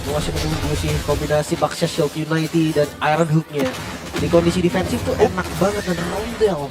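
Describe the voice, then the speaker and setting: A man's voice: fairly high pitch, steady tone, fairly quick. A man with an Indonesian accent giving live esports commentary in casual slang mixed with English gaming terms. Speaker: esports caster. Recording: loud music behind voice.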